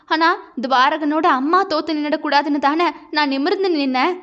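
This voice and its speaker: A woman's voice: high voice, a little fast, fairly bright tone, dull audio. A woman doing a heartbroken proud young wife. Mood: anguished. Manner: impassioned, pleading, tearful.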